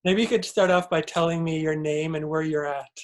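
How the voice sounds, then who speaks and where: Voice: medium pitch, steady tone, brisk, a little hiss or hum. An interviewer asking questions in a casual chat, friendly and hesitant, often repeating words as he searches for them.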